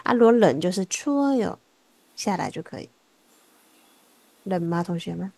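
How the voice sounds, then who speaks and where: A woman teaching a Korean class over a video call, patient and encouraging, sounding words out slowly and repeating them. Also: on the low side, very animated, gravelly, a little mellow, no echo. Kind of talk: online language lesson.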